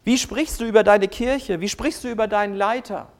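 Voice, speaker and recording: This is a preacher in full sermon mode who keeps putting questions to the congregation. Key words get drawn out slowly and loudly, then the voice drops to a soft, confiding murmur before the next question. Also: medium pitch, steady tone. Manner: rhetorical questions, checks in with "ja?"; swings from loud to soft, drawing out key words.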